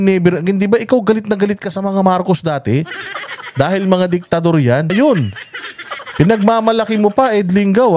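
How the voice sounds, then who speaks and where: A man's voice: sits high, a little mellow, a little hiss or hum. A Filipino man hosting a political commentary vlog, ranting in a mocking, scornful tone and laughing often.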